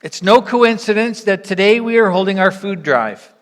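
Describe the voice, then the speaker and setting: The voice is medium in pitch and expressive, moving at a moderate pace as a church leader gives a congregation instructions and reflection. It invites, encourages and explains. The gathering takes place in a large room, and the recording sounds reverberant like a hall.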